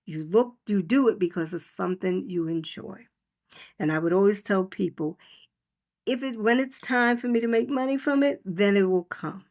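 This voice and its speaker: A woman's voice: medium pitch, normal speed, darkish tone. A middle-aged woman hosting her own podcast, telling a personal story in a heartfelt, conversational, unscripted way. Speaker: podcast host. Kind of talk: personal reflective monologue.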